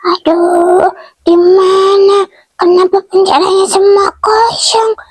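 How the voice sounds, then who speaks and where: A woman's voice: extremely high pitch, flat delivery, takes it slowly, no room sound, clean studio sound, pitched above the performer's own voice. A woman voicing a frightened young female prison guard in a game roleplay, exclaiming in panic. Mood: panicked.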